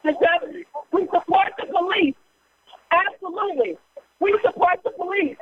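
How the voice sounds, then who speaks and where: Very high-voiced woman giving a fiery street speech. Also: normal speed, background noise. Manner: emphatic, repetitive, rhetorical questions at listeners. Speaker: political street speaker. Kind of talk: impassioned political speech. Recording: dull lo-fi recording.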